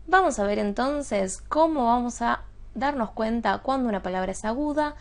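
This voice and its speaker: A woman teacher giving a spoken grammar lesson, explaining step by step and checking understanding with quick questions. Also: a little high, lively intonation.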